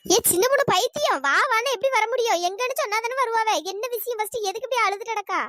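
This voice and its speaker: A woman voicing bossy, bickering village women in a cartoon, with a pitch-raised voice. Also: fast talker, fairly bright tone, no echo, studio quality. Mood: scolding. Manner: scolding, bickering, teasing. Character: bossy gossiping village women, scolding and sharp-tongued. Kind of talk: cartoon voice acting.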